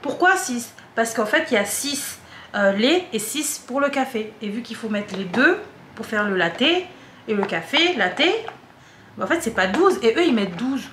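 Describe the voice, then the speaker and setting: A woman's voice: a little high, animated, normal speed, a bit bright. French girl rambling through an unboxing vlog, lots of euhs, bit of a cough, echoey room with faint hum. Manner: rambling, lots of fillers and repeats. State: coughing a little. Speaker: vlogger. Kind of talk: casual chatty unboxing vlog. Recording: roomy echo, faint hum.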